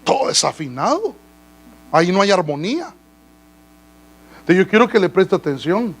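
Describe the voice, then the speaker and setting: A man's voice: high-pitched, sing-song, moderate pace, rough recording. A man pastor preaching a sermon in a church, asking the congregation questions and calling them brother. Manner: addresses listeners as brother.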